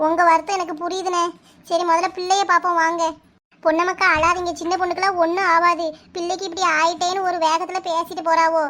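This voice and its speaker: A woman's voice: very high voice, little pitch movement, fast talker, sharp tone. A woman voicing a bustling village neighbor in a cartoon, talking urgently in a Kanyakumari Tamil accent. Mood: soothing. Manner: urgent, pleading, soothing. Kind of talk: cartoon voice acting.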